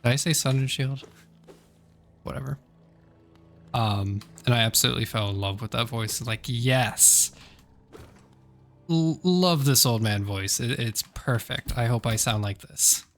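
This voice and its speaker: A man's voice: medium pitch, unhurried, pauses often, fairly bright tone. A man with a slightly sore throat chatting casually on a gaming stream, rambling and correcting himself with many fillers.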